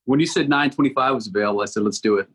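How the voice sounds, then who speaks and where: A man's voice: mid-range voice, fairly bright tone, slightly rough. A man in his forties from Connecticut, a record label founder talking as a guest in a casual interview, often restarting and repeating words. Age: 40s. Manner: halting, repeats words while thinking.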